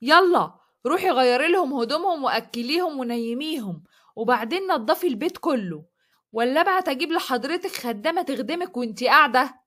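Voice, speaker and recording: Storybook role: a woman voicing an arrogant domineering man, Egyptian Arabic, scornful commands delivered quickly. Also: high-pitched, lively intonation, fairly bright tone. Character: arrogant cruel young man, domineering husband.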